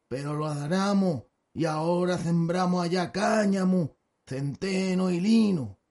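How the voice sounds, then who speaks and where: A slow, rustic old village elder in an audio drama. He drags out his words in a homely country dialect. His voice sits high for a man. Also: a little mellow, full character voice. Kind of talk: audiobook radio drama acting.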